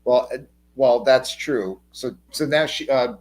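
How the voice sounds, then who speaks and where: A man's voice: medium pitch, unhurried, darkish tone. A man with a New Jersey accent co-hosting a casual livestream, joking dryly and reading out viewer comments. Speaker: co-host.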